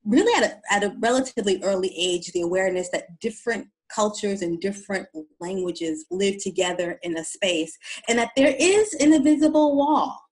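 An East Coast woman with a mid-range voice shares her story as a guest in an interview, heard on a rough recording. Her manner is thoughtful, and she often circles back over words as she looks for the right ones.

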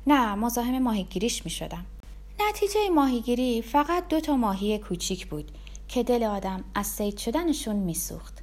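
Female storybook narrator; expressive first-person telling, animated pitch. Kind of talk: storybook reading.

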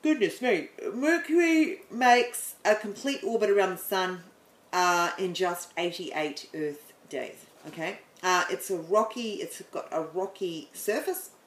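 A woman's voice: medium pitch, reverberant, low-quality recording. Chatty woman guiding a meditation. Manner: chatty, apologetic, stumbles over words; slow soothing instructions. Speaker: meditation guide. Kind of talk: guided meditation.

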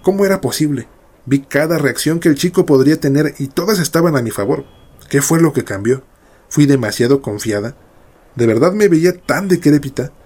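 A man narrating a first-person horror story in a measured, dramatic way. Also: on the high side, animated, darkish tone.

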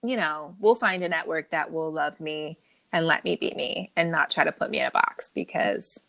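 Woman, podcast co-host, crisp bright tone, loud playful banter. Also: deep voice, moderate pace. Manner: brash, profane, playful and animated. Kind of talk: casual podcast chat.

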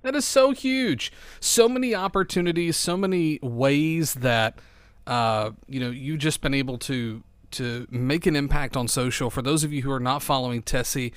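A man's voice: medium pitch, normal speed, smooth, dry recording. A man hosting a podcast interview, upbeat and enthusiastic, talking with a slight lisp from a bitten tongue. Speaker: podcast host. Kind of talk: casual interview chat.

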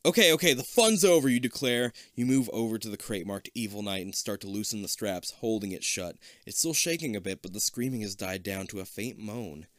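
A man's voice: on the low side, a little fast, hardly any pauses, dry recording, clean studio sound. A man casually reading an adventure gamebook aloud, with joking asides. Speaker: reader.

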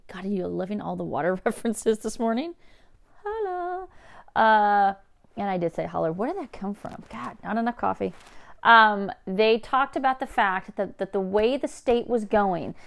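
Podcast host, female, mid pitch, gravelly edge yet smooth tone; loose, profane, jokey delivery with frequent asides. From California. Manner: profane, joking, self-interrupting asides. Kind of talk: casual podcast monologue.

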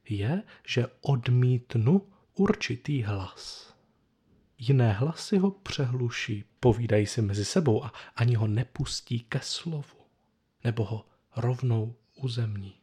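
Husky-voiced man preaching a reflective sermon. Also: medium pitch, dark tone. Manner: reflective, measured delivery with pauses.

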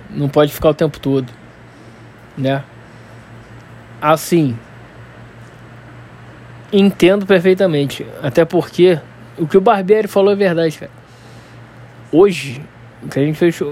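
A man with a Carioca accent ranting casually and unscripted in Rio street slang, swearing heavily, stammering and repeating words as he tells things in an animated way. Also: fairly high pitch, slight background noise. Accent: Carioca, Rio de Janeiro. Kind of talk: casual unscripted solo rant.

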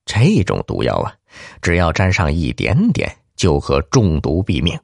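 A man's voice: unhurried, vocal fry, dry recording, clean studio sound. A man telling a martial-arts story to children, narrating dramatically. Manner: dramatic, highly animated narration.

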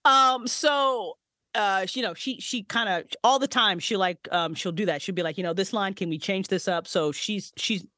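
Speaking at normal speed and medium pitch, a woman in her forties who helped create a podcast joins as a guest for casual conversation. She curses freely, stays animated, and laughs a lot, in a studio-quality recording with no room sound.

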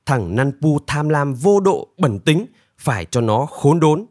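A man voicing a pack of huge toads in a storybook tale, speaking in a quick, scornful way. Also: a little high, very animated, darkish tone, dry recording, clean studio sound. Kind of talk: storybook character voice.

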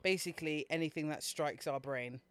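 A man's voice: fairly high pitch, brisk, a bit bright, smooth. A man co-hosting a podcast, chatting casually in a laid-back, easily amused way. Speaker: podcast co-host. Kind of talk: casual chat.

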